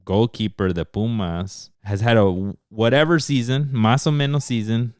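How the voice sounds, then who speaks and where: A man with a very low voice talks soccer in a relaxed, casual way, slipping between English and Spanish. The sound is dry and close to the mic. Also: normal speed, no room sound. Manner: laid-back, mixes English and Spanish. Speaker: podcast co-host. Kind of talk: casual sports chat.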